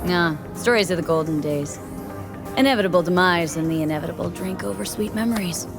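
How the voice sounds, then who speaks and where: A woman acting a tough female mercenary from a video game. She talks in a lowish voice, terse and wry, with street slang. Music plays clearly behind her. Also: brisk, natural voice. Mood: curious.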